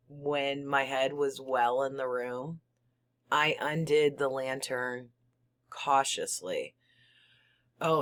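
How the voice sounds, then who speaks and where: A performer voicing an unhinged murderer who insists on being sane, in a theatrical, halting, gleefully confiding dramatic reading of a gothic horror story. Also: medium pitch, fairly bright tone. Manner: halting, theatrical, emphatic, breaking into whispers and chuckles.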